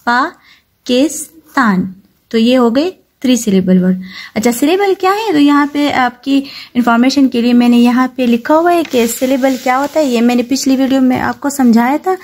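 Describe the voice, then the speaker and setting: A woman from Pakistan teaching a children's textbook lesson, reading English lines slowly and explaining each one in plain words. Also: high-pitched, darkish tone. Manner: slow and patient, reads English lines slowly, then explains in Hindi-Urdu.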